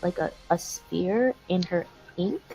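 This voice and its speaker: A woman's voice: on the low side, takes it slowly, mellow, husky, faint music behind, rough recording. A woman playing a tabletop game, describing her character's actions hesitantly with many fillers. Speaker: player. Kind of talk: casual tabletop play.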